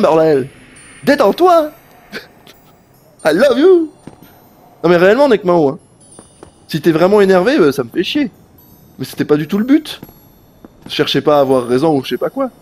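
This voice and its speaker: Male live streamer, mid-high voice, lively and chatty with viewers, swears freely. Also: fast, faint music behind. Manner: animated, talks straight to chat, swears casually. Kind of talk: live gameplay commentary.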